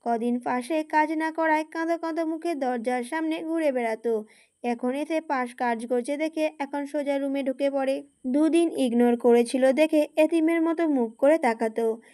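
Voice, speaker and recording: High-voiced woman narrating a love story. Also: moderate pace, dark tone. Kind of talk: scripted narration.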